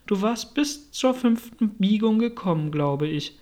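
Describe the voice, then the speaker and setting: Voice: mid-range voice, animated, a little slow, a little mellow, lightly acted. A reader voicing Alice, a curious, polite young girl, in an audiobook. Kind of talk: audiobook reading.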